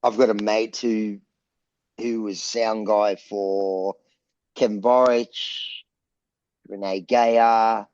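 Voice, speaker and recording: A middle-aged Australian man, a rock band frontman being interviewed, telling rambling, animated anecdotes in a gravelly voice. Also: lowish voice, extremely slow, long pauses, no room sound, lo-fi sound. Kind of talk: casual storytelling.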